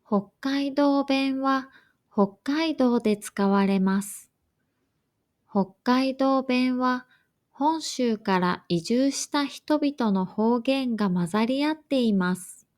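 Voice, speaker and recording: Woman narrator, slightly high voice, very slow pace, careful even delivery, learner lesson. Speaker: language teacher.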